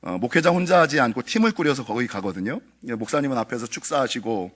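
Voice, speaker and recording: A middle-aged senior pastor preaches at a dawn prayer meeting, telling a story with animated delivery and acting out its dialogue. His voice sits at medium pitch and moves at a quick pace.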